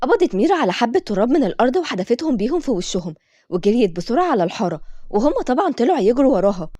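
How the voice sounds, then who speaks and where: Fast-talking Egyptian woman narrating a story. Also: a little high, no echo. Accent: Egyptian Arabic. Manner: brisk, animated narration. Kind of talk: serialized story reading.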